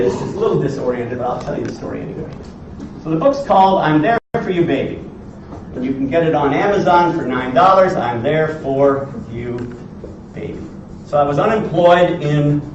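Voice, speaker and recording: A man in his sixties giving an informal, blunt lecture to a class, teasing and quizzing his listeners in salty language. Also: sits high. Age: 60s. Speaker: entrepreneur lecturer. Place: indoor teaching room with audience. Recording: echoey room, distant mic, dull, faint noise.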